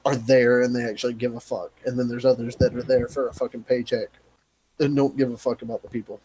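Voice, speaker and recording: A man's voice: medium pitch, little pitch movement, fast, a little mellow, husky. A man who makes gaming content, rambling emphatically and swearing constantly in a casual podcast chat.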